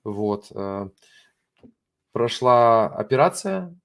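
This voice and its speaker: A middle-aged man who is not a native Russian speaker, hosting an informal livestream and addressing viewers in an earnest, apologetic, halting way, often searching for words. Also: mid-range voice, big pitch swings, creaky, a bit bright. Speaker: host of an online religious ministry broadcast.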